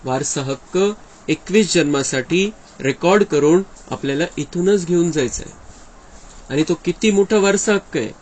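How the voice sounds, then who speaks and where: A man's voice: fairly high pitch, normal speed, darkish tone, rough recording. A man giving an earnest devotional discourse, explaining and often quoting his teacher. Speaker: spiritual speaker explaining a daily discourse.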